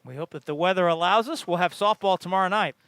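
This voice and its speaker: A man giving live sports commentary on a track meet, measured and informative, pausing between facts. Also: sits high, fairly bright tone, smooth, dry recording.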